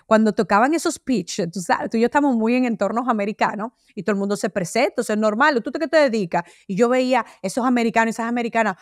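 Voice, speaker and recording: Middle-aged woman, podcast guest, lively narrator who acts out voices; slightly high, dry sound. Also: quick pace, hardly any pauses, no echo. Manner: animated storyteller, acts out voices. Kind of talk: interview conversation.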